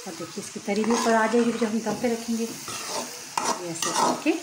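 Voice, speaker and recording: Her voice is fairly high and a little slow as this middle-aged cooking vlogger gives a relaxed tutorial in her kitchen, chatting between steps. The phone recording over the pot picks up echo and the sound of food frying and sizzling.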